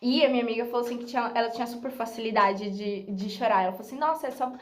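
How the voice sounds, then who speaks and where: A woman's voice: a little high, fairly even intonation, rapid-fire. A young Brazilian woman with a Brazilian Portuguese accent, telling a story to her viewers in a chatty, dramatic way and laughing often. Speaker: YouTuber. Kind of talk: casual storytelling vlog. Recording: roomy echo.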